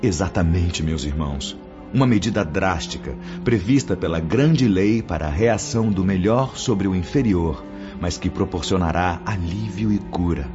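Playing a stern spirit mentor in a radio drama, a low-pitched man speaks at normal speed in a lightly acted way, delivering solemn, oratorical rebukes and rhetorical questions. The audio is dull and lo-fi, with music behind him.

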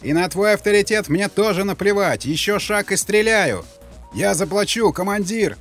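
A panicked crime boss shouts and pleads his way forward, as a male reader puts him on. His voice rides high and strained as he bargains and offers bribes. It is an audiobook scene with faint music underneath. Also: expressive, normal speed. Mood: frantic pleading.

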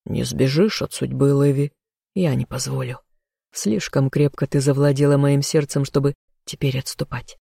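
An audiobook reader voicing a passionate, possessive male elf lover, speaking low, soft and unhurried. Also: fairly even intonation, vocal fry, husky, dry recording, studio quality. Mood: possessive teasing. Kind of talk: audiobook character voice.

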